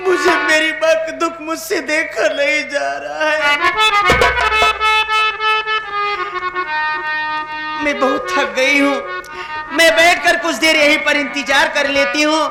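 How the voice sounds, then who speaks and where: A man's voice: extremely high pitch, little pitch movement, normal speed. A man playing a poor young housemaid in a folk stage play, speaking with a tinge in a weepy, lamenting way. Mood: sorrowful. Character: poor young housemaid woman, tearful and pleading. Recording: roomy stage sound with loud music.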